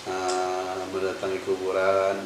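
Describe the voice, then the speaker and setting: Brief: male preacher, lowish voice, halting delivery, recorded in a roomy space off-mic. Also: completely flat delivery, faint music behind. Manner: halting, thinking aloud with fillers. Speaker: Islamic preacher. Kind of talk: casual religious discussion. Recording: echoey room, distant mic, faint hiss.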